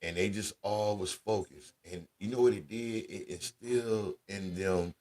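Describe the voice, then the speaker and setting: A man with a deep voice, telling casual family stories as a radio show host, laid-back and conversational with slang. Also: unhurried, a little mellow. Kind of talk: casual storytelling monologue.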